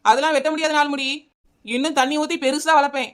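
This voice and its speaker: A woman's voice: sits high, steady tone, fast talker, natural voice. A woman playing a cheeky, stubborn neighbour with a Kanyakumari Tamil accent, talking back mockingly. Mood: sassy. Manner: sassy backtalk, mocking.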